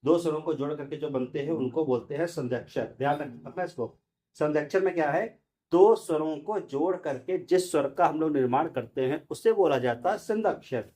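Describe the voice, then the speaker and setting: In a grammar lesson, a man with a fairly high, warm voice speaks at an ordinary speed, walking through each point in steps and posing questions he answers himself.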